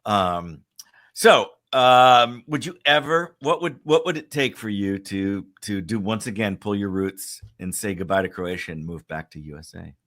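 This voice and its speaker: A man hosting an interview, asking questions in a halting way with many pauses. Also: fairly low pitch, expressive, a bit bright. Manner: halting, many fillers and restarts. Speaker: host. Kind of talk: conversational interview.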